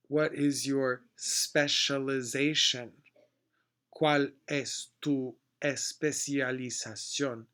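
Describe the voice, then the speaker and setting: A man giving a casual language lesson, modeling short phrases slowly and switching between two languages. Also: mid-range voice, fairly bright tone. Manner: slow, deliberate modeling of phrases, switching between Spanish and English. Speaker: Spanish teacher.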